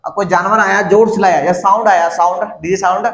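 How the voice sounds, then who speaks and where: A man's voice: sits high, steady tone, quick pace, a bit bright. A male teacher giving a classroom lecture, repeating and dictating terms to his students and asking them questions. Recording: echoey classroom.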